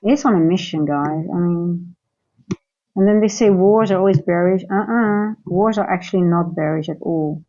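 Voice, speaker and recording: A woman raised in Singapore hosts a live trading stream, offering market commentary and chatting with viewers as she thinks aloud, full of fillers and restarts. Her voice is lowish and warm, at a moderate pace, and the recording has its highs cut off.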